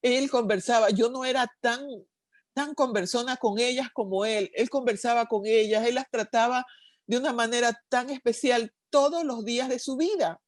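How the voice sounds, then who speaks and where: A middle-aged woman giving an emotional, earnest personal testimony at a prayer meeting, slowing down on the painful moments. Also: a little high, dry recording.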